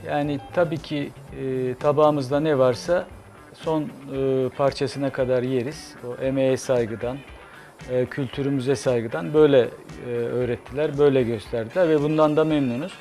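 A man in his sixties, a cafe owner guest, speaking in a measured, hesitant way with many pauses. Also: mid-range voice, steady tone, mellow, faint music behind. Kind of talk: studio interview. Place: TV studio kitchen set.

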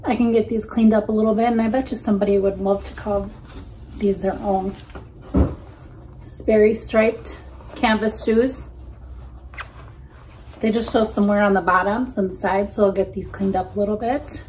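Her voice is mid-range, steady and darkish, at a normal speed with frequent pauses. This woman in her forties, a reseller vlogger, gives a chatty, easygoing unboxing of used shoes on camera, with plenty of ums, in a small indoor room by a plain wall, and the rough recording carries a little hiss or hum.

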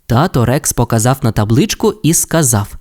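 A man's voice: medium pitch, normal speed. Man telling a children's storybook. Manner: expressive, playful storytelling. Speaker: narrator. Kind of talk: storybook narration.

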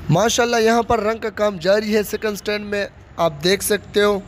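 A man with a high voice narrates a walking tour of a stadium under construction, recorded outdoors on his handheld phone. He keeps up a plain running commentary and repeats his phrases. A faint outdoor ambience runs beneath his voice. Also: moderate pace, slight background noise. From Pakistan. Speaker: vlogger giving a site tour. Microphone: phone camera held by the speaker.

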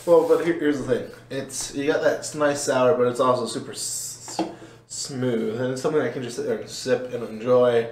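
A man's voice: mid-range voice, fairly even intonation, normal speed, darkish tone. Playful man in an echoey, slightly noisy room. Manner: playful, enthusiastic, jokey. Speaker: beer review co-host. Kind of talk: casual chat. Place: room with a table, indoors. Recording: echoey room with faint noise.

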